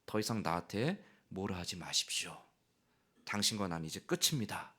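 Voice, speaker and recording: A man's voice: mid-range voice, big pitch swings, moderate pace, a bit bright. A man voicing an angry, bitter male prophet who rants at God in anguished outbursts. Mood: sarcastic.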